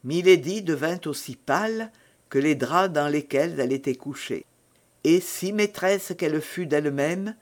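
A woman narrating a classic novel in a measured, even reading voice. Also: low-pitched. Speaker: audiobook narrator.

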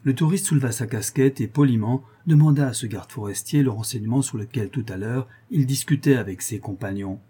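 A man reading an adventure story aloud as a narrator, in a steady storytelling manner that lifts at the dramatic turns. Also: mid-range voice, husky. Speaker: audiobook narrator. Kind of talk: scripted narration.

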